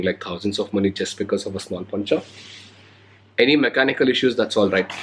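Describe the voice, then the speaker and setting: There's a bit of hiss or hum behind this young man's lowish voice, caught on a handheld recorder or camera mic. A motovlogger with an Indian English accent, he's shaking off a cold and talks casually through an unboxing, stumbling over hesitant fillers.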